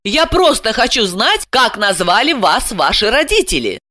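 A woman voicing a nervous young woman in an audiobook, with a high, piping, pleading manner. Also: very animated, normal speed, sharp tone, dry recording, studio quality, exaggerated voice. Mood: flustered. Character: nervous young woman Asya, squeaky and flustered. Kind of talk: audiobook character voice.

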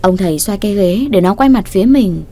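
A woman narrating an audiobook in an even, unhurried voice. Her pitch sits in the middle, and she keeps the storytelling steady from line to line. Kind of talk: scripted narration.

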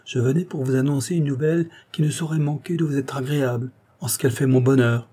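Humble, devoted young suitor, soft and respectful, read by a male narrator. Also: mid-range voice, fairly even intonation, quick pace, pitched above the performer's own voice, natural voice. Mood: gentle pleading. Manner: gentle, respectful pleading. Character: timid, devoted young man, earnest and humble.

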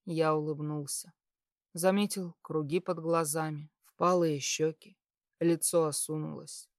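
A woman reading a first-person story aloud in a calm, measured way. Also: sits low, no room sound, clean studio sound. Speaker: audiobook narrator. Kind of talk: scripted first-person narration.

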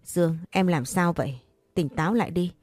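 A woman's voice: on the low side, brisk, darkish tone, no room sound, natural voice. A woman voicing a caring but pushy young man who scolds and coaxes a crying friend. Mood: scolding. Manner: scolding yet tender, coaxing. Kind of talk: audiobook character reading.

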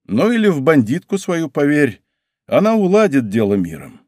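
A blunt, worldly old woman, put on by a male narrator, hands out her advice in a gruff, matter-of-fact tone. The voice sits a little higher than his usual and swings freely in pitch. It is recorded dry and close, in the plain style of an audiobook character voice. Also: huge pitch swings, normal speed, a little mellow, dry recording. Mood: reassuring.

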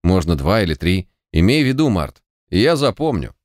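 A man's voice: low-pitched, big pitch swings, fairly quick, darkish tone, no room sound, clean studio sound. A man doing a guarded male game character. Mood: calm. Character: guarded male non-player character, calm dealer.

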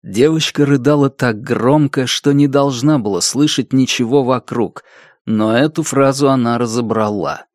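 Narrator for an audiobook, mid-pitched and expressive, with a dead-dry studio sound. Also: moderate pace, dry recording. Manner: expressive storytelling reading.

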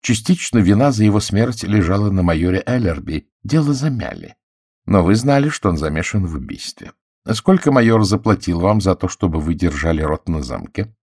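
A man voicing a shrewd, courteous middle-aged detective who questions in a gentle, self-assured way, in an audiobook. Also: sits low, lively intonation, moderate pace, slightly rough, dry recording, studio quality, full character voice. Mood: probing. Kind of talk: audiobook character voice.

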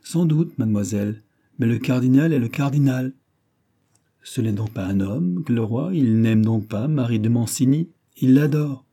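A man voicing a lively, mocking young lady-in-waiting in an audiobook reading of a classic novel. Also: medium pitch, normal speed, close to an everyday voice. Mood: teasing. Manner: mocking, playful.

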